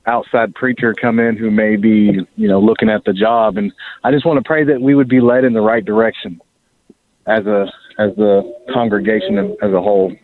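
A man's voice comes over the phone into a radio studio, squeezed thin and tinny by the line. His voice sits a little low, and he makes his request earnestly, pausing to find his words. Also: fairly even intonation. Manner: earnest, halting with pauses. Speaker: caller. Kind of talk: call-in prayer request.

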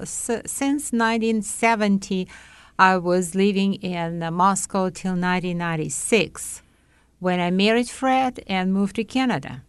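An older woman from Uzbekistan, telling her faith story in an interview, slowly and carefully with hesitant pauses. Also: medium pitch, clean tone, dry recording. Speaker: interview guest. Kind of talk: personal testimony.

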